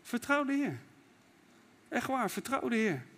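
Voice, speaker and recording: High-voiced fervent pastor preaching. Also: male voice, sing-song, a little slow, fairly bright tone. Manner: fervent preaching, voices prayers and God's words. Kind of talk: sermon.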